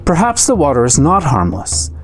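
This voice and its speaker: A man's voice: a little high, huge pitch swings, moderate pace. A man reading an adventure gamebook aloud, narrating in a dramatic storytelling manner as the regular host. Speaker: storybook reader.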